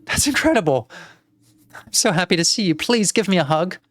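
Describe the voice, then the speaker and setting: A frightened little girl from a dark video game, pleading and bewildered, voiced by a man in a raised, childlike pitch. Her words come out lifted and urgent, as if on the verge of tears. She sounds small and desperate for answers. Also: expressive, a little fast, no room sound.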